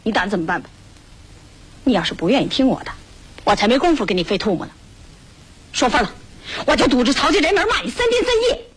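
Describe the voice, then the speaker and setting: A woman playing a brash husky Beijing woman. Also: medium pitch, expressive, fast talker, pauses often, low-quality recording. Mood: threatening. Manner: loud, scolding, cajoling. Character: brash bossy young woman, loud and teasing. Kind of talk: radio drama acting.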